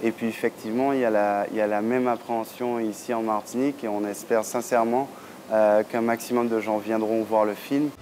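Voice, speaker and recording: A man who directed the film, speaking hesitantly and haltingly in a news report clip. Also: lowish voice, steady tone. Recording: faint background noise.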